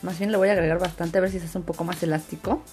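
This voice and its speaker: A woman's voice: on the low side, steady tone, very fast, a little mellow. A woman giving a casual step-by-step craft voice-over, repeating words for emphasis. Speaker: host of a slime craft channel. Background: background music.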